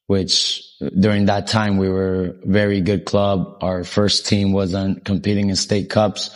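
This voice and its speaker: A young man born in Colombia, a soccer coach, telling his life story in a casual interview, relaxed and rambling with frequent ums. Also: lowish voice.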